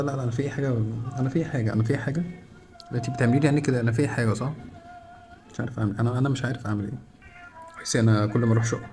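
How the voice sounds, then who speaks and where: A man in his thirties with an Egyptian Arabic accent, pleading and rambling self-pityingly in a comedic monologue. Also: medium pitch. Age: 30s.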